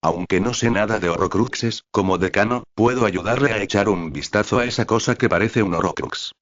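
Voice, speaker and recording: A nervous, stout older professor, read by a man answers defensively and with irritation. The voice sits very low. The audio sounds dull and lo-fi. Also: brisk, fairly bright tone, natural voice.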